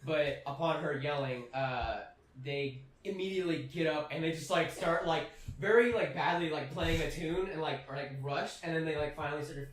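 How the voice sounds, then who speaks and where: A man's voice: fairly high pitch, normal speed, few pauses, a little hiss or hum. A man narrating a tabletop game as game master, rambling along with lots of fillers. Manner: rambling, many fillers and likes. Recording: echoey room, distant mic.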